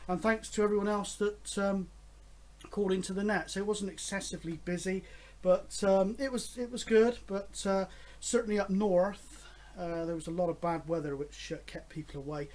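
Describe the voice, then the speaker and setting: A man in his fifties hosts a radio hobby vlog, chatting casually and enthusiastically to camera in a rambling way with frequent hesitations. His voice is high with a darkish tone, fairly even intonation, and a normal speed.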